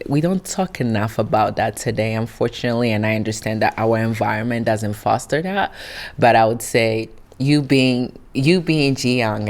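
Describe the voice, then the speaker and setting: A woman from Italy, giving reflective, encouraging interview answers in an earnest way. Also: extremely low pitch. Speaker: interview guest, founder.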